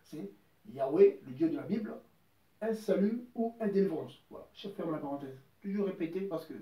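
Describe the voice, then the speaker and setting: A man's voice: on the high side, lively intonation, moderate pace, distant mic, highs cut off. A man preaching an informal sermon, emphatic and repetitive, quoting scripture at length. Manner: emphatic, repeats words, quotes scripture at length. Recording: roomy echo, voice from off mic.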